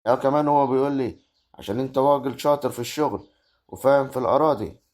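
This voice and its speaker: A man as a young Egyptian village husband, talking at breakneck speed and exasperated with his mother. His voice is mid-pitched, in a homemade web drama. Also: rapid-fire, a little mellow, natural voice. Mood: musing. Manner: exasperated, arguing. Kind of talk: amateur rural family drama acting.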